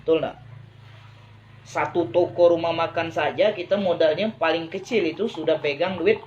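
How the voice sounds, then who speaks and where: A man's voice: a little high, normal speed, a little mellow, lo-fi sound, slight background noise. A man giving a persuasive business talk to a live online audience, often asking listeners whether they agree and repeating phrases for emphasis. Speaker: business motivational speaker.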